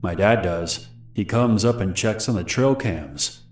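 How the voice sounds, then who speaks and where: Wary young girl, quiet and guarded, as a deep-voiced man narrator reads her. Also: animated, a little slow, reverberant, faint music behind.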